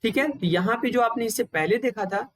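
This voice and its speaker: A man teaching a computer lecture for exam preparation. He explains step by step, repeats key points and pauses often to restart his sentences. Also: extremely high pitch, fairly bright tone, no echo, low-quality recording.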